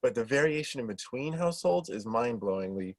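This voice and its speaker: A man's voice: medium pitch, expressive, fairly quick, no echo, poor audio. A man moderating a webinar session, chiming in with conversational comments. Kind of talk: webinar discussion.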